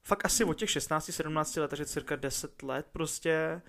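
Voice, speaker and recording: A man's voice: on the high side, gravelly, a bit bright, a little hiss or hum. A man in his twenties chatting casually, slangy, swearing and laughing often. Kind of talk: casual chat.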